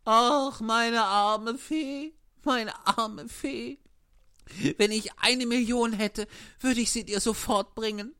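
A woman's voice: on the high side, steady tone, measured pace, hardly any pauses, a bit bright, no echo. Brief: eager, breathless puppet boy, read by a woman, dry and close. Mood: earnest. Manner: breathless, tumbling questions. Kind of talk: live storybook reading.

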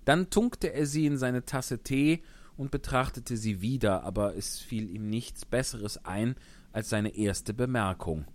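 A man's voice: medium pitch, unhurried, a little mellow. A man narrating a storybook in scripted audiobook style.

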